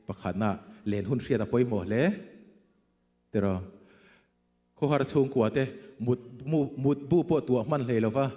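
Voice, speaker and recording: A preacher with a mellow, dark, mid-range voice delivers a sermon emphatically, pushing out loud bursts before dropping to quieter asides. A long church-hall reverb trails after every phrase.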